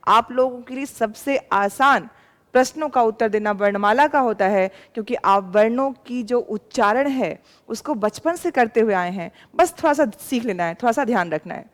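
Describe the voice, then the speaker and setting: A woman teacher giving a patient classroom lecture, sounding out letters slowly and calling her students "beta". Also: fairly high pitch, in a large hall.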